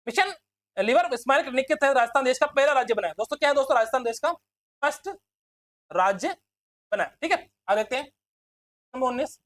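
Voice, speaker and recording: A male teacher running a quick exam quiz lesson, repeating himself and constantly calling his listeners friends. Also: very high-pitched, lively intonation, a bit bright, no room sound. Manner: fast, repetitive, keeps addressing listeners as friends.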